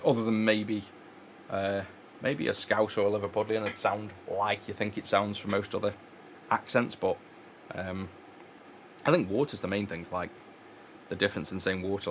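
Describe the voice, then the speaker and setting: Low-voiced rambling repair vlogger. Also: male voice, fairly bright tone, slight background noise. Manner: rambling, many fillers and restarts. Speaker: electronics repair channel host. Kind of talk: casual chat while working.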